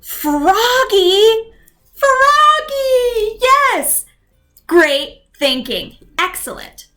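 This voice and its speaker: Faint music plays as a young woman teacher, her voice extremely high-pitched, reads a picture book aloud to young children. She goes slowly and expressively, acting out the sound effects, then asks them simple questions.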